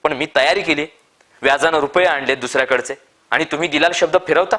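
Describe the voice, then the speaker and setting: A man voicing a seasoned middle-aged male farmer who calls out loudly and pleads. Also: medium pitch, fairly even intonation, normal speed, lightly acted. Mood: calling loudly. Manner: loud calling, pleading.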